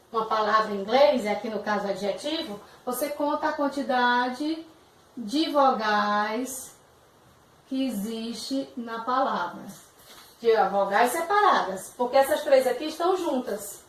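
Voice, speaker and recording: A woman's voice: a little high, roomy sound, recorded from a distance, a little hiss or hum, low-quality recording. A woman with a Brazilian Portuguese accent, an English teacher giving a recorded video lesson and patiently checking that students follow. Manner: patient, checks understanding often.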